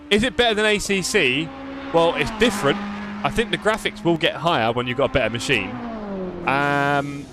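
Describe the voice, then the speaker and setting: Over some background noise, a man with a mid-range voice and a London accent plays a racing game on a live stream. He chats and jokes with his chat, reading their messages aloud.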